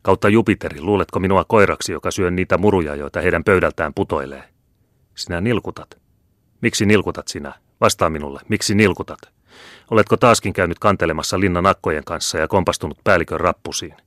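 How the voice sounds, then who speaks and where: A man's voice: low voice, fairly bright tone, no echo, clean studio sound. A man reading the part of an aging, proud and irritable imprisoned scholar with grandiose outbursts. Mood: indignant. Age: older.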